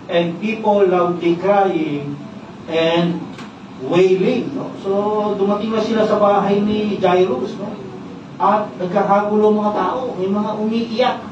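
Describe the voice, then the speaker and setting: A man with a Filipino accent preaching a sermon, teaching with frequent "no?" tag questions and English terms mixed into his speech. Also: high voice. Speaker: pastor. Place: church worship service. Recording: echoey church hall, distant mic, dull sound, faint noise.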